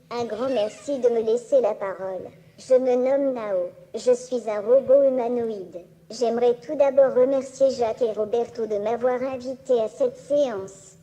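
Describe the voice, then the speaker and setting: A woman's voice: a little high, mellow. A synthetic female robot voice of a small cheerful humanoid robot, giving a neatly enunciated scripted presentation.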